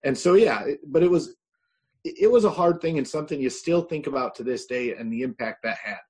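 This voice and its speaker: A man with a Chicago accent, a pastor speaking as a podcast guest, halting and repeating words as he thinks. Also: mid-range voice, animated, breathy edge. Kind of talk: casual interview talk.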